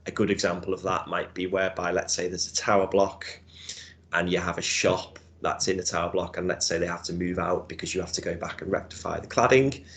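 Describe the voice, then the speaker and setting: Speaking a little fast in a low, slightly bright voice with fairly even intonation, a Scouse-accented man presents a webinar as an insurance broker. His explanations are conversational, full of hedges and "right?" check-ins.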